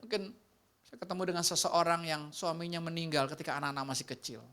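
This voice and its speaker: A man's voice: a little high, quick pace. Man preaching a conversational sermon. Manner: talks directly to the congregation, shifting between animated and hushed delivery; acts out quoted complaints and prayers. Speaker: pastor.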